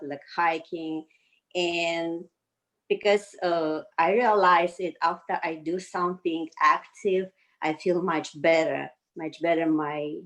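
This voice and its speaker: A mature woman with an Azerbaijani accent talks casually as an interview guest. Her voice sits low and she takes her time. Her English is halting and loosely put together, as a second language. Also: poor audio. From Baku, Azerbaijan. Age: 50s or older. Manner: halting, loosely structured non-native English. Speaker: interview guest, yoga community member. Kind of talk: casual conversational interview answers.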